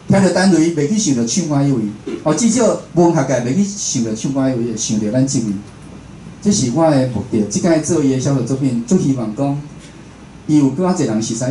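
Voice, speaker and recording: A Taiwanese radio host gives an informal, conversational public lecture to a live audience indoors. His voice is a little high with a dark tone, and the echoey room carries clear background noise.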